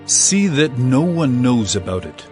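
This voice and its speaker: An expressive, compassionate Jesus over music. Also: male voice, mid-range voice, a little slow. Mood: earnest, teaching. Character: Jesus, compassionate and authoritative male teacher. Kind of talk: dramatized audio Bible acting. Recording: music behind the voice. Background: background music.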